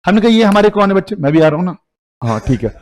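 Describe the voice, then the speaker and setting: A man's voice: high-pitched, big pitch swings, fast talker, a little mellow. A man with an Indian accent teaching accounting in a live classroom, teasing and quizzing students with call-and-response questions.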